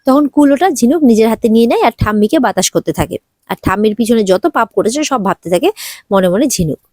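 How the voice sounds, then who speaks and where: A woman's voice: fairly high pitch, expressive, fast talker, darkish tone, no room sound, clean studio sound. A woman narrating a casual, chatty recap of a TV serial episode, restarting her sentences now and then.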